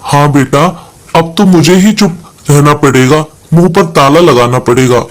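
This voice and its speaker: A man's voice: on the high side, measured pace, lightly acted, low-quality recording. A man voicing a self-pitying mother-in-law.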